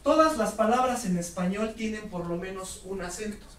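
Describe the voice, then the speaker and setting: A man giving a lively workshop lecture to teachers, putting questions to the audience. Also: high voice, moderate pace. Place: lecture hall. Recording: roomy hall audio from far off, faint noise.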